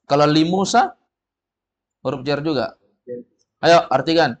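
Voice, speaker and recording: Patient male Arabic teacher, slightly high. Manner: patient, reassuring, models pronunciation slowly. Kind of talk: casual classroom teaching.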